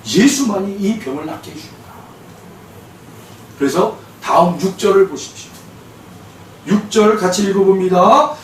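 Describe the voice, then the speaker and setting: A man preaches a sermon, his fairly high voice rising into loud, drawn-out calls and dropping into quiet asides. He sounds distant from the mic, and the church around him rings with heavy echo. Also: lively intonation, a little hiss or hum. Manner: swings between loud preaching and soft asides to the congregation. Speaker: pastor. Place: church sanctuary. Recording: very echoey, distant church recording.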